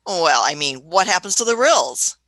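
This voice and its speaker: A woman's voice: fairly low pitch, big pitch swings, moderate pace, a bit bright, dry recording. A woman voicing a fussy elderly Doctor who chuckles, hums and uses old-fashioned phrases in a radio play. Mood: testy. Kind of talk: amateur radio play acting.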